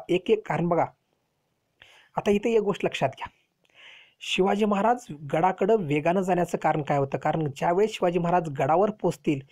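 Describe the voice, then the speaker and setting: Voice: mid-range voice, a little mellow. A teacher telling a history lesson to children, explaining step by step and asking rhetorical questions.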